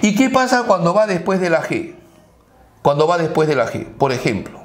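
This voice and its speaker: A man's voice: a little high, sing-song, moderate pace, background noise. A man teaching a language lesson for entrance exams, drilling examples and answering his own questions. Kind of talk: exam-prep lecture. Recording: echoey room.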